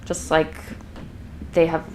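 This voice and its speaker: A young woman being interviewed on a podcast, talking in a loose, rambling way full of fillers and quick laughs. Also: a little hiss or hum. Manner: rambling, many fillers and restarts, laughs often. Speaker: podcast guest, violist and comedian. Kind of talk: casual interview chat.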